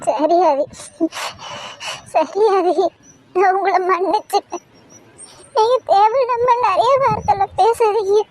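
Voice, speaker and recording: A woman voicing a gentle young wife in a cartoon drama who is hurt but quickly forgives her husband and blames herself. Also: very high voice, no echo. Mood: tender. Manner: soft, tender, self-blaming.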